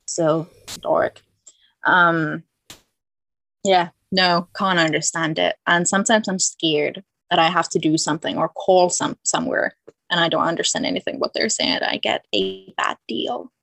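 A woman's voice: fairly low pitch, unhurried, gravelly, a bit bright, dry recording. A young woman from Luxembourg with an American-tinged accent, chatting as a podcast guest, talkative and full of "like" fillers. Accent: American-tinged English. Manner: chatty, laughing, heavy use of "like". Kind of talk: casual chat.

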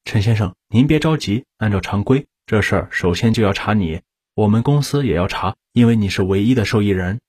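A male narrator voicing a worried young insurance saleswoman who asks quick, anxious questions. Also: lowish voice, animated, a little mellow, husky, no room sound, clean studio sound. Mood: soothing.

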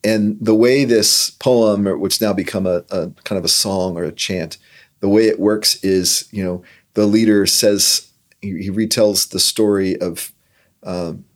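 A man's voice: fairly low pitch, steady tone, a little slow. A man explaining a hymn line by line in an earnest, reflective podcast conversation.

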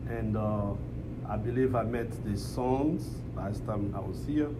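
A visiting pastor from Congo preaches in English, his second language, with a Congolese accent and a lowish, slightly slow voice. He repeats phrases and calls for amens in a call-and-response mix of preaching and prayer. The live church room is noisy.

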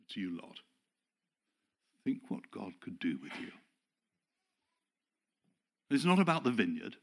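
A man's voice: fairly low pitch, big pitch swings, takes it slowly, vocal fry, slight background noise. An older man from England preaching a sermon, chatty and self-deprecating, telling stories and acting out the people he quotes. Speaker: pastor.

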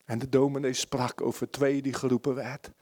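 A man preaching a sermon at a church service, impassioned, moving between loud pleading and hushed near-whispers. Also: medium pitch, flat delivery, normal speed.

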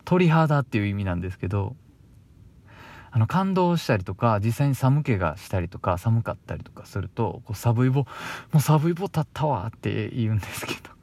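On casual solo radio, a young male host with a Kansai Japanese accent rambles along, a little bashful and chuckling between thoughts. His voice is lowish and a little mellow, with lively intonation and a slightly fast pace.

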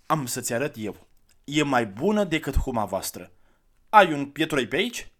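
A man voicing a gentle, weary traveler who is kind and coaxing, in a soft, slightly lifted voice. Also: medium pitch, sing-song, voice pushed up.

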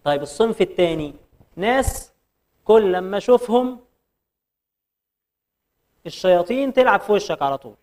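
A man with an Egyptian Arabic accent giving a religious lecture, firing rhetorical questions and reciting verses slowly. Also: high-pitched, lively intonation, a little mellow. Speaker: preacher.

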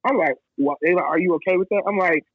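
A man's voice: high voice, very fast, dry recording. A man, a photographer and guest, telling his story in casual conversation and animatedly acting out the lines of the people he quotes. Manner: animated, acts out quoted dialogue. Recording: dry, husky, phone-like line.

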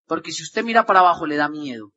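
Man, motivational speaker, very bright voice, acts out the voices in his stories. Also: animated, fast talker, long reverb tail, muffled recording. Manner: shifts from loud shouting to low murmurs, acts out dialogue. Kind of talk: energetic motivational talk with storytelling.

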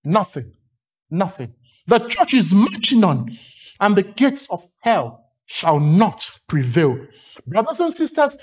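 A man from Lagos with a Nigerian accent and a high-sitting voice preaches a sermon. He leans on emphatic, rhythmic repetition and long lists.

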